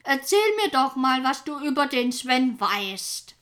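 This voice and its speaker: A woman voicing an old male Viking sailor who speaks low and hushed. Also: very animated, slow pace, full character voice.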